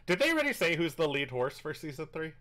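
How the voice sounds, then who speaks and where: A man co-hosting a casual podcast chat, chatty and quick to laugh. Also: on the high side, very animated, over a noisy crowd. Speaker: podcast co-host.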